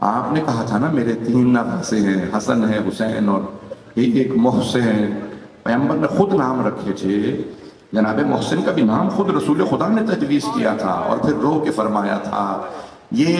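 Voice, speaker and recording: A man, a cleric, delivering a mourning sermon as dramatic, impassioned storytelling that acts out the quoted voices. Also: medium pitch. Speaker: Shia cleric giving a majlis. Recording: echoey hall, distant mic.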